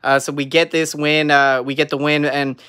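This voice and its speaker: Bright-voiced man giving a game recap. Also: a little high, little pitch movement, normal speed, clear, resonant tone, no room sound, studio quality. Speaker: sports fan vlogger. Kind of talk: post-game recap to camera. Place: small room at home. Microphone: phone at arm's length.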